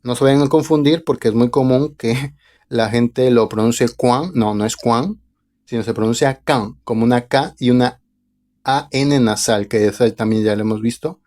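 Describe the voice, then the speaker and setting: A man teaching a language lesson online, reading example phrases slowly and carefully before explaining them. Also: medium pitch, steady tone, a little mellow. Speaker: French teacher.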